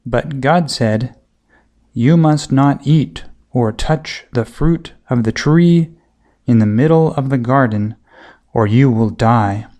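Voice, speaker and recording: Slow, dark-voiced man reading a story. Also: mid-range voice. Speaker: story narrator.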